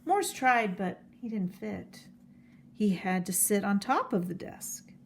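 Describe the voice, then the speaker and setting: A woman reading a children's picture book aloud, telling the story slowly and clearly. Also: mid-range voice, very animated, a little hiss or hum. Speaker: storybook reader.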